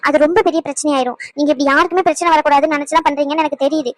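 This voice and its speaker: A woman playing a sharp-tongued young pregnant wife in a cartoon, talking fast and needling in a very high voice. The sound is close and dry. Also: steady tone, no echo, lightly acted. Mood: coaxing. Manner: quick, needling, argumentative. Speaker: voice actor. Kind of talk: cartoon voice acting.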